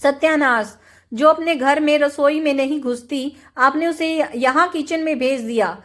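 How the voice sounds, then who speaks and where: A woman reading a story puts on a resentful young sister-in-law, taunting and accusing. Her voice sits high and cutting in a storybook reading. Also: a little slow, fairly bright tone.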